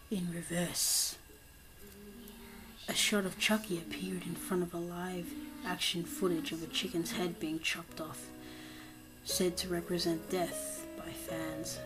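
A woman with a fairly low voice reads a creepypasta horror tale in a steady scripted tone. Her voice goes hushed and slow for the grim parts, over clear background music. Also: rough recording. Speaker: creepypasta narrator. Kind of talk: scripted horror story narration.

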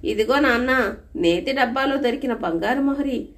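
A woman's voice: high voice, animated, moderate pace, pitched above the performer's own voice. A woman doing an eager ten-year-old boy.

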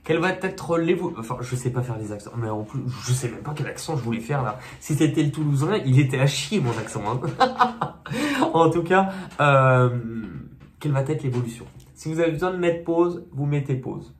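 A man's voice: medium pitch, expressive, normal speed. A man giving a casual monthly tarot reading, chatty and hesitant, with many fillers and self-mocking asides. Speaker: tarot card reader. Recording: echoey room, faint noise.

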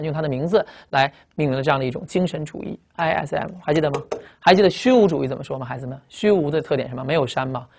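In a recorded lecture, a man with a fairly high-pitched voice teaches English vocabulary. He explains quickly, repeating himself a lot and leaning on tag questions.

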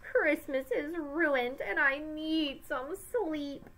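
A woman's voice: sits high, extremely slow, fairly bright tone, pitched above the performer's own voice, exaggerated voice. A woman voicing a tired mother with a cold in a storybook read-aloud, sounding sniffly and worn out. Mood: weary.

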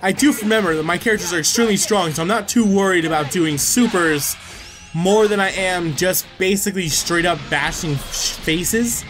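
Music plays under this man's high-sitting voice as he plays and comments at a moderate pace. The gaming video creator rambles casually, curses a lot, and keeps repeating himself and exclaiming.

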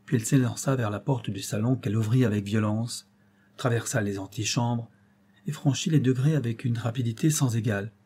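Dark, husky male audiobook narrator. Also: mid-range voice. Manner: measured, expressive storytelling.

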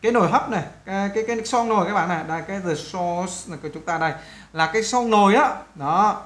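A man teaching English in Vietnamese, pointing at a picture and reading model sentences slowly with a Vietnamese accent. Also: sits high, fairly bright tone, reverberant. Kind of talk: textbook lesson walkthrough.

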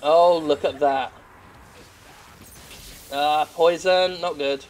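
Speaking extremely slowly, a British man with a fairly high, slightly mellow voice and fairly even intonation commentates over his gameplay. It's casual, rambling and self-deprecating, with plenty of swearing, and faint game action sounds in the background.

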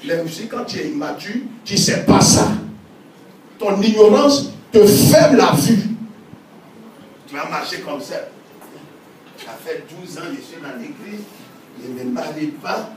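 Male pastor, high voice, animated sermon style; distant mic, heavy church echo. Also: measured pace, long pauses. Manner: animated preaching, acting out quoted church members. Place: church hall. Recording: very echoey hall, distant mic, faint noise.

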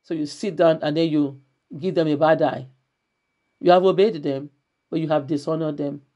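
A woman's voice: deep voice, steady tone, moderate pace, mellow, muffled recording. A woman pastor preaching a church sermon, repeating her key phrases emphatically and reading scripture aloud.

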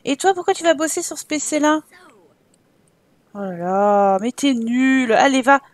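Young woman, high-pitched, casual let's-play commentary, exasperated and swearing. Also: expressive, measured pace, no echo. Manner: exasperated, swears at the game, talks to her Sims. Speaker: Sims let's play streamer.

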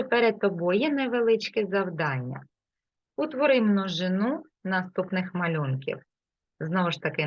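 A woman teaching an English lesson, explaining patiently and repeating example words clearly. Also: lowish voice, no room sound. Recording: dull, lo-fi, dry sound.

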